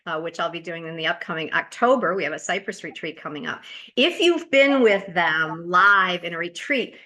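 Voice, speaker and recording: Bright-voiced American woman hosting. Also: medium pitch. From United States. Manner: chatty, with frequent fillers and restarts. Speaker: podcast host. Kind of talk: casual interview introduction.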